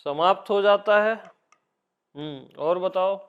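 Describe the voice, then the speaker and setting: A man leading a satsang, talking slowly, repeating short teachings and asking his listeners to answer. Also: high voice, smooth, muffled recording. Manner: slow, repeating, questioning listeners. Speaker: spiritual teacher.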